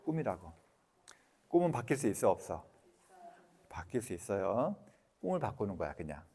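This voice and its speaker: A man's voice: on the low side, sing-song, normal speed, mellow, husky. A man giving a casual, blunt lecture on emotional healing, keeps quizzing his audience in plain everyday speech. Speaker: EFT lecturer and clinic director. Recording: long hall reverb.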